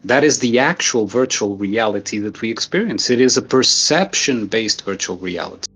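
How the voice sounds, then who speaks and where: A man's voice: lowish voice, lively intonation, normal speed, fairly bright tone, husky, soft background music. A man from Portugal, earnestly explaining ideas at length with everyday examples in a casual philosophical conversation. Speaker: guest thinker.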